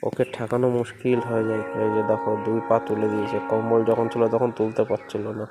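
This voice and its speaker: A man filming his baby at home on a phone and talking gently through it in a casual vlog, repeating himself as he describes what the baby does. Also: lowish voice, monotone, fairly quick, loud music behind the voice. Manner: gentle, repetitive running commentary, coos to the baby. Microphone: phone camera.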